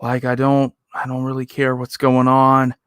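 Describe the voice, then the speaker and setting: A man's voice: mid-range voice, completely flat delivery, normal speed, a bit bright, clean tone, no room sound. Casual, rambling man in a dry space. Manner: self-critical, rambling. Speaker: video host reacting to own old videos. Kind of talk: casual reaction commentary.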